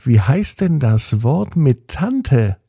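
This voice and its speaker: A man's voice: mid-range voice, big pitch swings, slow, vocal fry, background noise, exaggerated voice. A man voicing a puzzled young boy in a bedtime story, eager and full of questions. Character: puzzled young boy searching for a lost word.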